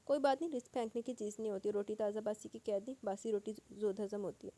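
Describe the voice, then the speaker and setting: A woman's voice: medium pitch, lightly acted. A woman voicing a meek, mild-mannered young husband in a storybook reading, speaking hesitantly. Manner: hesitant, soft-spoken pleading.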